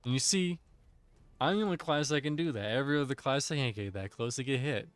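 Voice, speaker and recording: A man's voice: mid-range voice, expressive, fast talker, no room sound. A man streaming an online game with friends, chatting casually in a playful, jokey, self-teasing way into a desk microphone. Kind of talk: casual gaming chat.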